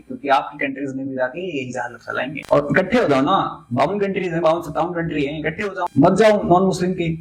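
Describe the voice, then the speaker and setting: A man's voice: on the high side, poor audio. A man giving angry reaction commentary, ranting and hurling insults at the people he addresses.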